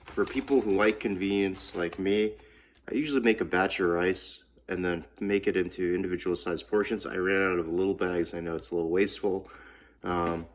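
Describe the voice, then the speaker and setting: A man with a low-pitched, congested voice from a cold gives a chatty, casual cooking demonstration in his home kitchen. He talks at a moderate pace with fairly even intonation, and the roomy recording clearly picks up kitchen noise, frying, and clatter.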